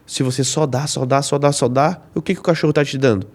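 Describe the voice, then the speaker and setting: A man's voice: medium pitch, fairly even intonation, fast, darkish tone. A man explaining dog training as a podcast guest, teaching with everyday examples and rhetorical questions.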